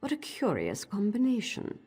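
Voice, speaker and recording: A woman voicing an imperious old wizard master in a fantasy game, husky, formal and haughty in a measured delivery. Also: mid-range voice, wildly swooping pitch, darkish tone, faint music behind. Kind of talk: fantasy game dramatic acting.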